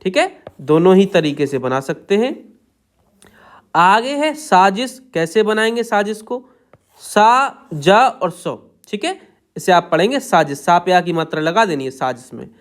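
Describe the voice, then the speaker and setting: A man teaching shorthand, dictating words slowly and repeating set phrases as he writes each one out. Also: high-pitched, big pitch swings. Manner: slow, drawn-out dictation of words. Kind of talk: step-by-step tutorial.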